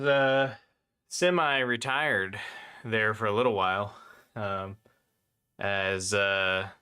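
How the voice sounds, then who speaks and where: An electronics modder streams a console mod install from his workbench, rambling casually with lots of fillers while getting over a slight cough from a cold. His voice sits on the low side and sounds pushed, bright, and smooth.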